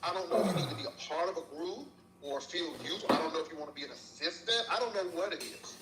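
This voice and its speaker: A man's voice: on the high side, expressive, fast. A man delivering a heated, preachy monologue to a rival, scolding her and repeating her name. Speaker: YouTuber in a clip. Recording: echoey room, far from the mic, faint hiss.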